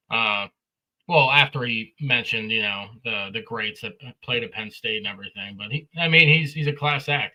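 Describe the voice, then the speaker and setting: A man co-hosting a sports podcast, eager and opinionated in casual chat. His voice has a very bright, forceful edge at a middle pitch. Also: low-quality recording. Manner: enthusiastic, opinionated. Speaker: podcast co-host.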